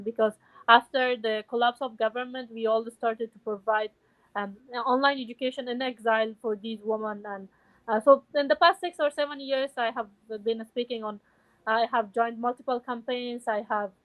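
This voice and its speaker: A woman's voice: a little high, steady tone, moderate pace, no echo, low-quality recording. Young woman from Afghanistan, earnest guest, dry booth. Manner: earnest, many fillers. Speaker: podcast guest, activist. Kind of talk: casual interview talk.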